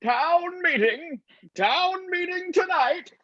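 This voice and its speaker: A woman's voice: fairly high pitch, fairly even intonation, normal speed, no echo, lightly acted. A woman playing the worn-out mayor of a spooky town in a script read-through, slightly muffled. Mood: announcing.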